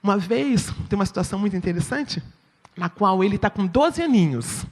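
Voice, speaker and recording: A woman's voice: mid-range voice, brisk. A woman with a Brazilian Portuguese accent giving a sermon-style teaching talk at church, often checking in with her listeners. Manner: expressive, asks the audience "right?". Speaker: church speaker. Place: church hall. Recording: long reverb in a hall.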